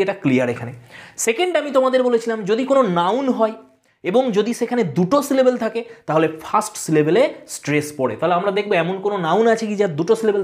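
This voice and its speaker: A woman teaching an online English poetry lesson. She explains step by step and asks and answers her own questions. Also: mid-range voice.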